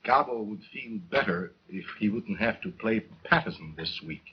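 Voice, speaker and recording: A man's voice: lowish voice, lively intonation, moderate pace, breathy edge. A man with a German accent playing an arrogant, hot-tempered, middle-aged ventriloquist who talks pompously and scolds. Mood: boastful. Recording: muffled 1929 film soundtrack.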